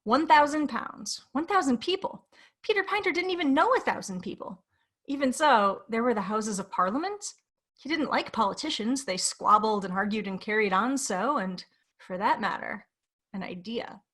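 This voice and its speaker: A woman with a fairly high voice reads a short story aloud. Her narration is measured and expressive, shaping each sentence carefully. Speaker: guest reader. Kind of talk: dramatic story reading.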